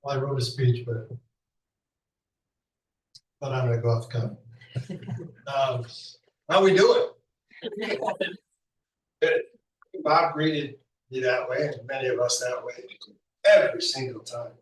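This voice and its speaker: A man's voice: medium pitch, fairly even intonation, a little slow, long pauses. A man giving an off-the-cuff tribute at a memorial, telling stories in a chatty way with laughs. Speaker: speaker at a memorial. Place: school hall. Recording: echoey hall, mic heard from a distance.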